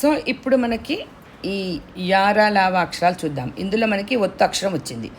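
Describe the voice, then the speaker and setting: A woman teaching pronunciation, drawing out syllables slowly to demonstrate them. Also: medium pitch, animated, a little hiss or hum. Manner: slow demonstrative enunciation of syllables. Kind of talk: pronunciation lesson.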